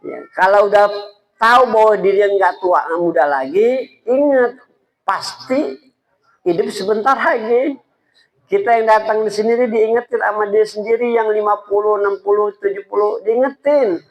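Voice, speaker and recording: Halting man preaching. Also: high voice, rough recording. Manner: halting, stammering delivery; colloquial, addresses listeners directly. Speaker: preacher at a religious study gathering. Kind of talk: informal sermon.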